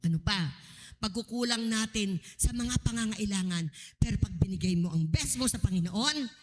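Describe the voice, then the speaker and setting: A woman's voice: mid-range voice, moderate pace, in a large hall. A woman pastor, preaching a sermon and acting out the people in the story. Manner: animated, acting out voices in quotes.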